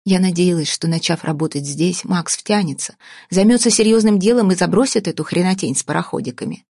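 A woman reading an audiobook voices a domineering, sarcastic older businesswoman who talks slowly and deliberately, with a husky tone. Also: lowish voice, a little mellow, dry recording, clean studio sound. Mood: scheming. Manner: cutting, sarcastic, slow deliberate delivery.

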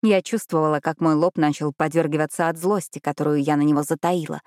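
A woman narrating a first-person story in a steady, even reading voice. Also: deep voice, quick pace, dry recording, studio quality. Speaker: audiobook narrator.

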